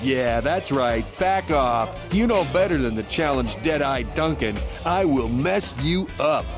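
Blustering man with swooping pitch. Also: animated, a little slow, music in the background. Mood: belligerent. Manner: boastful, defensive. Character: blustering, insecure male cantina duelist, all talk. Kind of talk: video game character acting.

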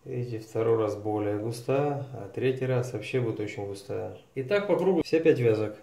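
A man's voice: mid-range voice, brisk, creaky, dark tone. A man with an Odesa accent hosts a cooking show in voice-over, talking to viewers in a folksy, chatty way. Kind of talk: recipe voice-over narration. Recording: roomy echo.

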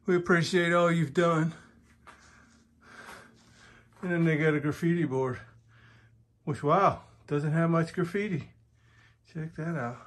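A man in his fifties, a thru-hiker vlogger, chats casually and folksily while hiking a forest trail, filming on a handheld phone. His voice is fairly high, unhurried and easygoing, with long pauses and no echo.

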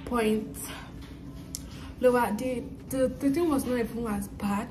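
Young woman, twenties, casual vlogger, lively, slightly high voice, noisy crowded setting. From not from Canada, studying there. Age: 20s. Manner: chatty, animated, talks straight to viewers. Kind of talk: casual vlog chat.

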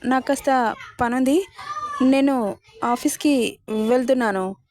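A woman's voice: high voice, unhurried, a little mellow, a little hiss or hum. A woman voicing an evasive young husband who brushes off questions in a told story. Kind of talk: storybook narration.

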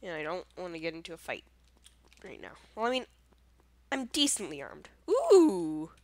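A woman's voice: lowish voice, sing-song, fairly quick, fairly bright tone. A woman with a congested, nasal voice chatting casually through her gameplay, easily surprised and self-deprecating. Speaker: gameplay commentator.

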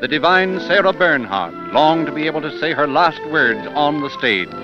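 With music behind him and the muffled sound of an old 1930s recording, a male host and narrator presents a scripted radio show with dramatic, portentous flair. He speaks fairly high, at normal speed, with lively intonation.

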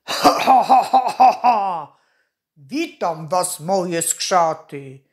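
A woman voicing a scheming old witch in a storybook reading, with a raspy, loud, cackling delivery. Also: lowish voice, expressive, drawn-out words. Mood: gloating.

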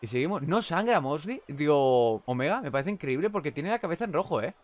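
A young man with a Spanish accent commentating on a wrestling video game. He chats casually and shouts at big moves. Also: fairly high pitch, very animated, brisk. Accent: Spain Spanish. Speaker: gameplay commentator.

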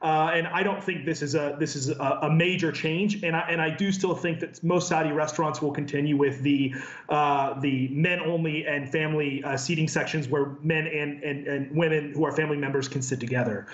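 A man in his thirties, a human rights researcher, speaking in a measured way in a live remote news interview, with many fillers and restarts. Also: fairly high pitch, fairly even intonation. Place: office with a branded backdrop. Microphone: earpiece and camera video link. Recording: roomy, dull remote feed.

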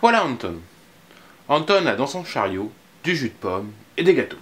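A man's voice: mid-range voice, sing-song, moderate pace, reverberant. Man, bookseller, casual read-aloud, hesitant, filler words, playful tone. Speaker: bookseller reading a picture book aloud.

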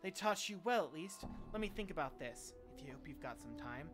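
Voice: medium pitch, expressive, fairly quick, natural voice. Streamer reading as a bitter washed-up guy ranting from his tower, tired and scornful, game music going. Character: bitter despairing man locked in his tower.

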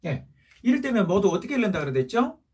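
A man's voice: high voice, big pitch swings, fast, darkish tone, slightly rough, recorded from a distance. A male teacher giving a patient recorded lesson, going over each point again and checking in with rising questions. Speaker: Chinese language teacher. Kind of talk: recorded classroom lesson for seniors.

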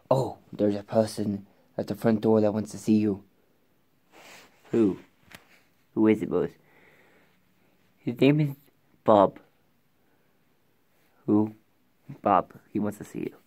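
A young man voices a handful of plush toy figures in an improvised bedroom skit, moving between the floor and desk indoors and often whispering. His dark-toned, lowish voice takes things slowly, with long pauses.

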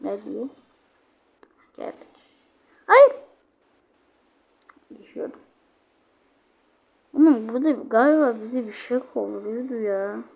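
A woman talking through her own game play as a let's-play host, chatty and exclaiming, quickly annoyed when the game goes wrong. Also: a little high, expressive, vocal fry, muffled recording. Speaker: gaming channel host.

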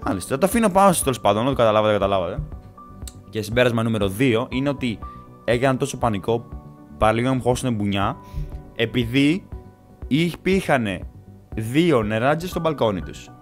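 A man vlogger telling a story from his childhood in a casual, animated way, swearing and acting out scenes. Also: mid-range voice, pauses often, soft background music. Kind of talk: story time vlog.

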